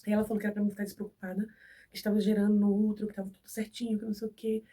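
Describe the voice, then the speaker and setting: A young Brazilian woman with a cold talks to her viewers in a flat, rapid-fire, medium-pitched voice with a dark tone, sitting far from the mic. She's a chatty vlogger telling a personal story and acting out who said what, in a Brazilian Portuguese accent.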